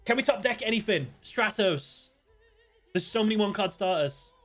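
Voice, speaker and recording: A British man chatting casually while streaming a card game, thinking aloud, greeting viewers and breaking into sudden excited outbursts. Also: high voice, moderate pace, soft background music. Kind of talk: casual live-stream gameplay commentary.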